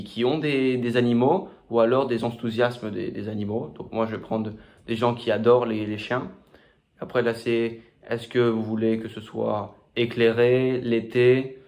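A man hosting a screen-recorded software tutorial, talking casually with many fillers and restarts. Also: mid-range voice, steady tone, normal speed. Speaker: tutorial host.

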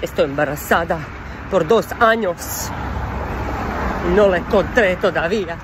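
Out on a noisy street with vehicles passing, a man parodies a telenovela by playing a desperate, melodramatic mother hunting for her son. He wails in broken Spanish with overwrought soap-opera flair, his voice high and a little slow.

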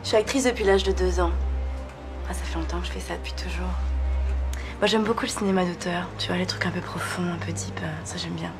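A man voicing a pretentious young woman who is an aspiring actress, with an affected, airy, soft-spoken manner. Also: sits high, fairly even intonation, fast talker, music in the background, pitched below the performer's own voice.

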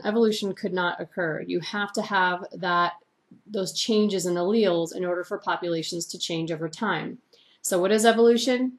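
A woman teacher giving a recorded lecture, reading largely from her own typed notes in an explanatory way. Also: medium pitch.

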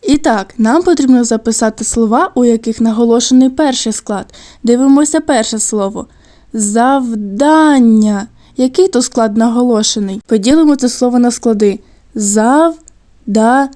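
Woman teacher doing a video lesson for little kids, kinda high voice, slow clear words. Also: dark tone. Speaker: primary school teacher. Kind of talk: recorded video lesson for second graders.

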